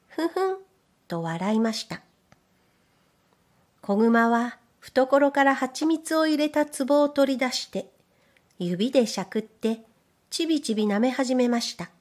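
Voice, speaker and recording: Slow, gentle woman storyteller. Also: fairly high pitch. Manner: gentle, careful, measured. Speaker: reader and voice trainer. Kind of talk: storybook narration.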